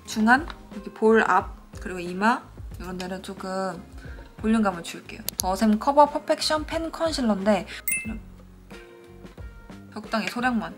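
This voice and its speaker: A woman's voice: mid-range voice, normal speed. Chatty young woman doing a makeup tutorial. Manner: chatty, animated when storytelling, soft asides. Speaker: beauty vlogger. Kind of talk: casual makeup tutorial with storytelling. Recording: faint music behind.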